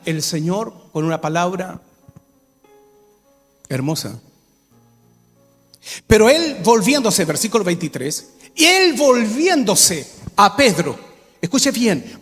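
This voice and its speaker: Male pastor preaching, high-pitched and questioning, in a reverberant church hall with faint music. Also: very animated, slow, pauses often. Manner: preaches with rhetorical questions, rising to shouts. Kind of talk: sermon.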